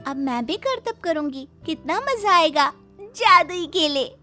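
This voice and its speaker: Woman doing a very high, bright little girl. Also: animated, measured pace, soft background music, full character voice. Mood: eager. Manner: childish, insistent. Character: stubborn, eager little girl pleading with her papa. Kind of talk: acted children's story.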